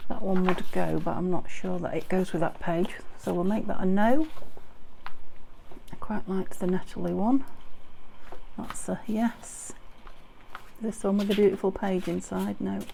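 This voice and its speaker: A woman's voice: mid-range voice, fairly even intonation, moderate pace, vocal fry, warm tone, low-quality recording. A woman chatting casually and thinking aloud as she crafts, often questioning herself, recorded indoors in heavy rain. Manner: musing, self-questioning, chatty. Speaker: craft video maker. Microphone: wired microphone, occasionally bumped. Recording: clicks and background noise, hammering rain.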